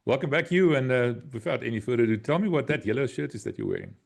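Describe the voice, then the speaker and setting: A man's voice: mid-range voice, very animated, fast, creaky. A man with a pronounced South African Afrikaans accent hosting a podcast in casual chat, sometimes stammering over words. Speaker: podcast host.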